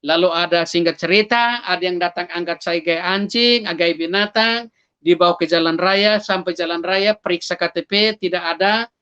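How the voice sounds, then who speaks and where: A man's voice: high voice, moderate pace, pushed and bright, clear, resonant tone, dull audio. A man giving a personal testimony, telling it dramatically and calling his listeners brothers and sisters, acting out his own cries for help in a raised voice. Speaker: testimony speaker.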